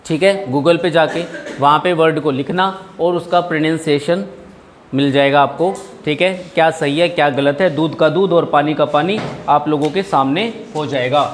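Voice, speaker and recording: A young male teacher gives a classroom lesson on English grammar, explaining in a Hindi-English mix and joking with his students. His voice is slightly high, his pace normal, and there's a little hiss or hum.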